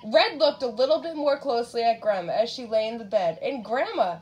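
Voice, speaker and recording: A woman with a high, bright speaking voice reads a picture book aloud to a little child. She keeps it lively and stops often to ask about the pictures. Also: a little fast, muffled recording, a little hiss or hum. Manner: animated, asks the child questions. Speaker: reader.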